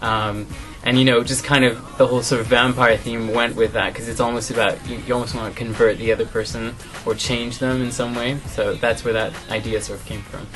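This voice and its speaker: A young man from Canada, a singer, answering interview questions in a relaxed, thoughtful way with many fillers. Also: medium pitch, fairly quick, few pauses, soft background music. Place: music studio, indoors.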